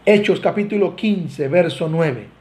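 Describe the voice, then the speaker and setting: This Costa Rican pastor has a high, somewhat mellow voice and an unhurried delivery. Preaching in Costa Rican Spanish, he speaks earnestly to his congregation, his emphasis swelling as the sermon goes on.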